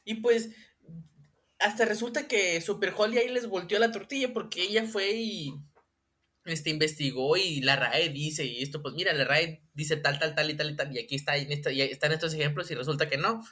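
In a slightly high voice at a moderate pace, a Mexican-accented co-host trades jokes on a casual comedy show. He curses freely, stays animated and keeps laughing.

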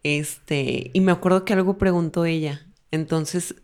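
A woman, co-hosting a podcast in casual chat. Her voice sits a little low. She tells stories playfully and quotes herself as she goes. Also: fairly even intonation, unhurried, a little mellow, clean tone. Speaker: podcast co-host.

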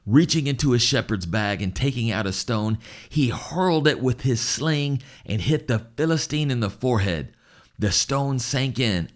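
A man with a fairly low voice delivers a sermon. He reads scripture aloud and then drives his points home with emphatic repetition. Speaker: preacher.

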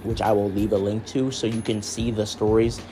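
A man's voice: on the low side, little pitch movement, moderate pace, dark tone, soft background music. A man hosting a story podcast, moving between scripted narration and casual talk as the author.

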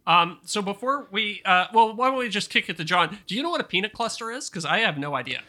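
A man's voice: high voice, lively intonation, fast, sharp tone. A man from Canada co-hosting a podcast in casual chat, chatty and self-deprecating, laughing often. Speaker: podcast co-host.

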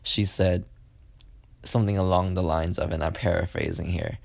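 Deep gravelly young guy telling a story. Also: fairly even intonation, moderate pace, darkish tone, no room sound. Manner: rambling, with many fillers and acted-out quotes. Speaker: podcast storyteller. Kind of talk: casual personal storytelling.

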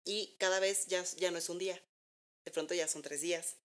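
A woman's voice: lowish voice, fairly even intonation, moderate pace. A woman with a Mexican accent chatting casually and giving encouraging advice. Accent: Mexican Spanish. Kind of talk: casual chat.

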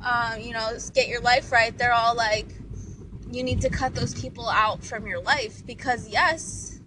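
A woman's voice: on the high side, fairly even intonation, a little slow, background noise. A woman vlogger giving earnest, casual motivational advice from inside a car, loose with fillers.

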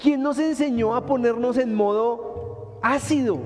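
A man in his thirties with a Colombian Spanish accent, preaching a sermon in a lively, colloquial storytelling manner. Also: very high voice, a little slow. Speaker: pastor. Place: church hall. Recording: hall reverb with soft instrumental music.

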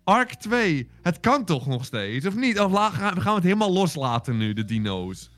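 A man co-hosting a casual podcast chat, excitable and exaggerated, repeating himself for effect. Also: high-pitched, normal speed, no echo, faint music behind. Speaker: podcast co-host.

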